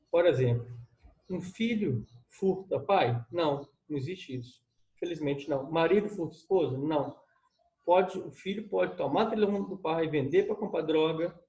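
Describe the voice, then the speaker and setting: Male law lecturer, animated and chatty, slightly high voice, roomy echo. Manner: lively, conversational, addresses students as "gente".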